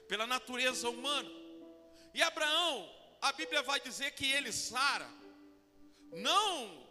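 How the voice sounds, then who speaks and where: Male pastor in his forties preaching, halting with restarts; very high, sharp voice in a reverberant hall over faint music. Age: 40s. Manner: preaching with fillers and restarts, acting out quoted lines. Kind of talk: sermon.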